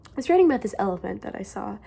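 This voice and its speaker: A woman's voice: medium pitch, sing-song, very fast, vocal fry, mellow, breathy edge. A young adult woman casually reading aloud from her childhood diary and commenting on it with amused, self-mocking embarrassment.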